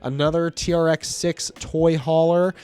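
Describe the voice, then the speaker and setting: A man's voice: fairly high pitch, steady tone, measured pace, darkish tone, clear, resonant tone. A man hosting his own video, narrating a hobby car show in a casual, rambling voice-over while losing his voice. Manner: casual, rambling, many fillers and restarts. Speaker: host.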